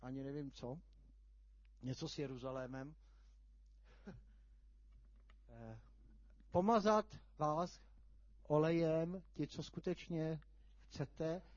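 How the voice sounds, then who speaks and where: A man preaching a sermon, telling a vivid story with sudden loud outbursts. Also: a little high, pauses often, no echo. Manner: animated storytelling, sudden shouts. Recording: dull lo-fi sound.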